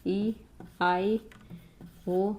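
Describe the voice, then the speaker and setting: A woman's voice: medium pitch, little pitch movement, warm tone, slight background noise. Woman teaching grammar with rhetorical questions. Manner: frequent rhetorical questions to students; reads example sentences very slowly. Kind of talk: exam-prep grammar lesson.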